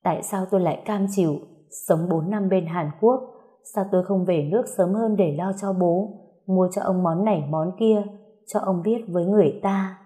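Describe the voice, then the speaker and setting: A woman narrating a first-person ghost-story website tale in a measured, sorrowful way. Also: fairly low pitch, dark tone.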